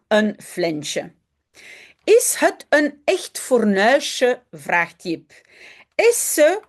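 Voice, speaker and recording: A woman language teacher patiently explaining a children's story to her pupils. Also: medium pitch. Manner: patient, explaining with frequent "hein" and "donc".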